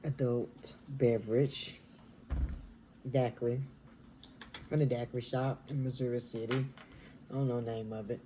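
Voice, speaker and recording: A woman, chatting casually while eating on camera in her dining room, talking softly and half-whispering. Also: very deep voice, fairly even intonation, measured pace, pauses often, a little hiss or hum, poor audio. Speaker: mukbang vlogger.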